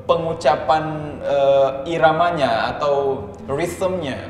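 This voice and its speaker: A man with an Indonesian accent teaching English pronunciation in casual chat, patiently explaining and slowly modeling words. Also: on the high side. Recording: echoey room with guitar music.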